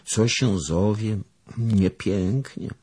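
A man voicing a mild, scrupulous nobleman who speaks slowly and reproachfully. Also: on the low side, sing-song, vocal fry, darkish tone, slightly rough, pitched above the performer's own voice, heavily acted.

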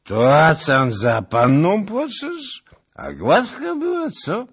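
A man's voice: on the high side, huge pitch swings, takes it slowly, breathy edge, pitched above the performer's own voice, heavily acted. A man voicing a drunken, brawling old nobleman with a slurred, mocking, bellowing delivery in an audiobook. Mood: mocking tipsy. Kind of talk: audiobook character voice.

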